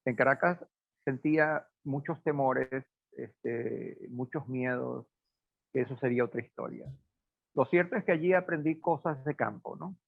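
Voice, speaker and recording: A man's voice: mid-range voice, unhurried, vocal fry, no room sound. A man from Portugal raised in Venezuela, telling a personal story in a hesitant conversational way with many fillers. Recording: dry, phone-like band.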